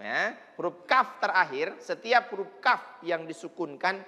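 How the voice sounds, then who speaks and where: A woman teaching children Quran recitation on TV, patiently modeling each verse slowly and counting the pupils in. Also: on the low side, animated, bright, forceful tone, big-room sound.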